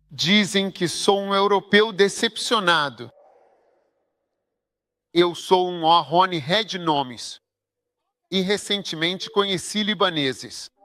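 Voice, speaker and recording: A man delivers a sermon as a voice-over, his voice pitched high and bright. He speaks emphatically and keeps turning to the audience with rhetorical questions. The sound is close and dry. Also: dry recording. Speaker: preacher.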